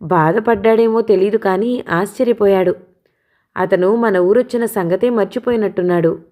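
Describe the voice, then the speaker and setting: A woman narrates a novel aloud with an expressive, steady reading. Her voice is mellow and warm, at a middling pitch. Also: normal speed.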